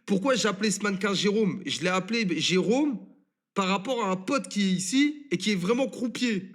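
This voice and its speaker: A man in his twenties, a streamer, telling a story on a live stream in an animated, crude and swearing manner. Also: high-pitched, a little fast. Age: 20s.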